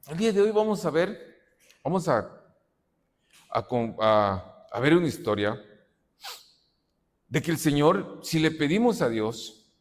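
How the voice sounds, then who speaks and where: A male pastor preaching a sermon, asking rhetorical questions and shouting out dramatic quotes. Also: mid-range voice. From Mexico. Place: church hall. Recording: long reverb of a church hall.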